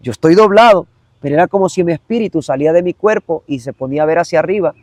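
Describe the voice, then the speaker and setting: A man's voice: fairly high pitch, lively intonation, quick pace, no echo. A man giving an emotional personal testimony as an evangelist guest, earnest and repetitive, speaking straight to the listener.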